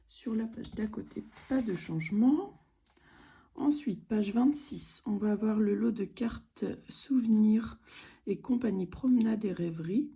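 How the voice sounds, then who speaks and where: A French woman casually walking viewers through catalogue prices, methodical and unhurried, with frequent fillers. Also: mid-range voice, dark tone, a little hiss or hum. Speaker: craft product demonstrator.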